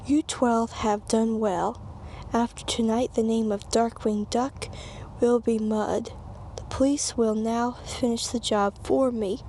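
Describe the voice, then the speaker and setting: Taurus Bulba, slow gloating villain read by a woman. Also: a little high, steady tone, mellow, slight background noise, rough recording. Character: huge gloating male villain boss in a storybook.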